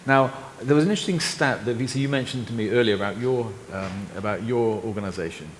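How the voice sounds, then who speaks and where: A man moderating a panel discussion, relaying an absent speaker's points and handing over to panelists in a relaxed way. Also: on the low side, fast. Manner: relaxed, with fillers, relays comments and hands over questions. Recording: reverberant hall with faint noise.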